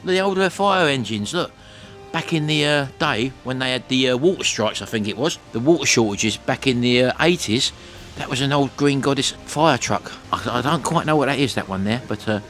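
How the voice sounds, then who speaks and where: A man's voice: medium pitch, expressive, brisk, a bit bright. A middle-aged man hosting a casual walk-and-talk vlog, chattily addressing his viewers. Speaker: vlog host. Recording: music behind the voice. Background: music.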